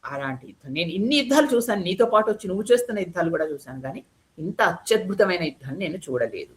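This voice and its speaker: A frightened demon messenger who trembles before his king, as a woman retelling the epic voices him. He speaks in an urgent, awestruck rush about a warrior he cannot believe. The pitch stays in a middle range. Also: lively intonation, fast talker, lightly acted. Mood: awed urgent. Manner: urgent, awed reporting.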